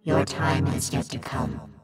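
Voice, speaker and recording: A woman voicing a vast, three-faced cosmic god in whispered role-play, with terse, slow, breathy pronouncements. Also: music in the background, close to an everyday voice. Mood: calm.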